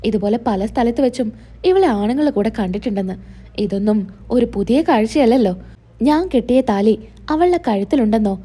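A woman's voice: on the high side, warm tone, husky. Woman reading as a bitter, blunt husband.

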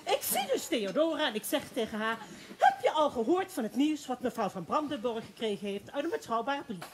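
Woman plays a high, lively, giggling gossip who rambles on breathlessly; amateur stage play with faint noise. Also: a little fast. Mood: excited gossip. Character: excitable gossiping woman townsperson.

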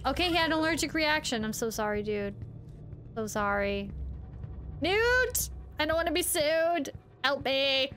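A woman's voice: high voice, lively intonation, normal speed, background noise. A woman streaming a game, talking sarcastically to the characters as she plays. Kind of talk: casual gameplay commentary. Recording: loud game music behind. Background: game music.

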